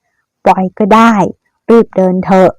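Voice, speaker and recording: A woman's voice: measured pace, darkish tone, no echo, natural voice. Woman doing a sulky, teasing young husband. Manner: grumbling, mock-reluctant.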